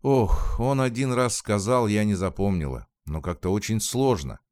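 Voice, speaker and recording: A man voicing a tearful young woman who is torn and desperate, in a soft, pleading read. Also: on the low side, moderate pace, dry recording, natural voice. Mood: wistful.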